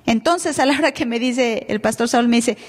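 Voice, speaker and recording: A woman pastor from Mexico with a Mexican accent, telling her testimony in an animated sermon style. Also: a little high, normal speed. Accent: Mexican Spanish. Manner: animated storytelling, acting out dialogue. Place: church. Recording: reverberant church live stream.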